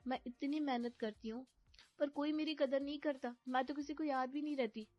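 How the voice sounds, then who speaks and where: A woman's voice: high voice, steady tone, brisk, no room sound, highs cut off, faint music behind, voice pushed up, lightly acted. A woman voicing a frustrated younger daughter-in-law who complains plaintively. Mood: complaining.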